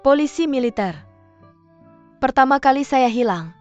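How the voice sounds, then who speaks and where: A woman's voice: sits high, animated, normal speed, a little mellow. A woman dubbing a shaken young woman who gives short, broken replies and hides what happened to her. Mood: distraught. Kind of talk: drama dub. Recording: dull dry studio dub, faint music.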